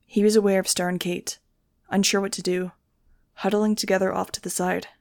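A woman narrating a fan-fiction audiobook in a steady, even reading voice. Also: mid-range voice, brisk, vocal fry. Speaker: audiobook reader.

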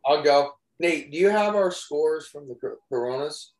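A man's voice: a little high, expressive, normal speed, darkish tone, echoey room, poor audio. A man in his twenties chatting casually on a podcast in a loose, slangy way, calling people bro. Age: 20s. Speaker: podcast co-host. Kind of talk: casual chat.

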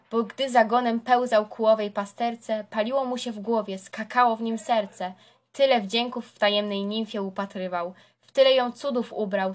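A woman reading a verse epic aloud as scripted narration, in a measured, rhythmic recitation. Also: fairly high pitch. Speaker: reader.

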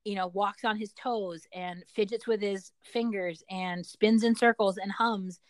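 A woman's voice: mid-range voice, steady tone, a little slow, no room sound. Middle-aged woman as a parent being interviewed; talkative, explanatory, conversational storytelling, recorded very dry. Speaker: parent interviewed about their child.

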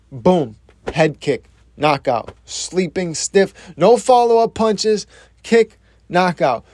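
A man's voice: a little high, dry recording. Blunt, profane man breaking down a fight. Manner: blunt, profane, animated slang. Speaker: MMA commentator.

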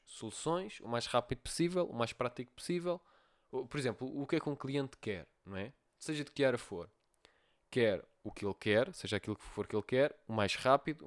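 A man with a European Portuguese accent hosting a solo podcast, giving advice and often checking in with his listeners. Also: medium pitch. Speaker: podcast host.

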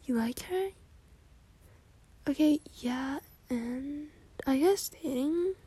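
A woman's voice: sits high, slow pace, dark tone. A young woman doing a whispered roleplay to the listener. She talks in a catty, gossipy way, full of "like" fillers.

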